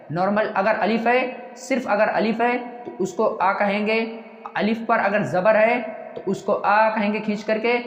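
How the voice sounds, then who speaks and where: A teacher walks through a reading lesson one step at a time, asking each question aloud and then answering it twice. The voice sits at an ordinary middle pitch. It is recorded with a dull, lo-fi tone and a long, roomy reverb.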